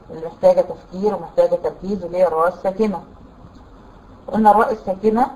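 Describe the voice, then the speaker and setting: A woman with an Egyptian Arabic accent teaching a tajweed lesson, explaining rules patiently, quizzing her students and reciting examples slowly. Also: medium pitch, darkish tone, rough recording. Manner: quizzes students with rhetorical questions.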